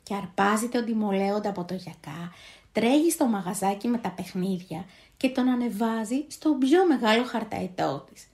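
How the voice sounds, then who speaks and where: A woman storyteller giving an expressive, scripted fairy-tale narration. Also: medium pitch.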